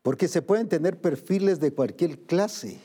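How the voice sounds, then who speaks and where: A man's voice: fairly high pitch, lively intonation, normal speed, mellow, husky. A man preaching a sermon, asking questions and acting out the voices of worried believers.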